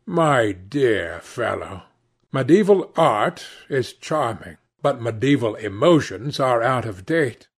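In audiobook character dialogue, a man with a husky, medium-pitched voice gives a full character performance of a languid, witty, cynical aristocrat who is urbane and teasing. He takes it slowly yet animatedly, with a nonchalant, pompous, epigrammatic manner and an air of languid cynicism.

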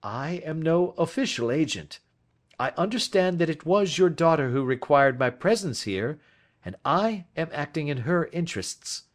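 A calm, authoritative detective from an audiobook, acted by a male narrator. The voice sits raised in pitch, with crisp, deliberate delivery. The manner is precise and gently grave. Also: natural voice. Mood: grave, reassuring. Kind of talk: audiobook character acting.

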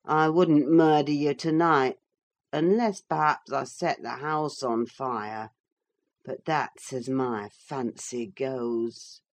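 A drunken, menacing young father snarls out reckless threats, as a woman reads him. The voice sits low and drags along slowly. It is heard in a storybook reading. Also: exaggerated voice. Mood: mocking. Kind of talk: audiobook character reading.

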